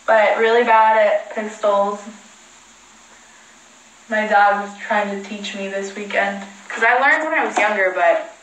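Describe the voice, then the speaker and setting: A woman's voice: fairly high pitch, a bit bright. Chatty young woman in an echoey room. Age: young adult. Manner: chatty, rambling, self-mocking. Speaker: livestream host. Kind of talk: casual livestream chat. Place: indoors at home. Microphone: phone livestream.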